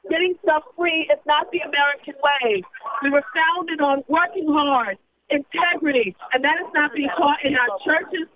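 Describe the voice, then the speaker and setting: Very high-voiced woman giving a fiery street speech. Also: moderate pace, noisy background. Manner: emphatic, repetitive, rhetorical questions at listeners. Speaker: political street speaker. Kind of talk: impassioned political speech. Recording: dull lo-fi recording.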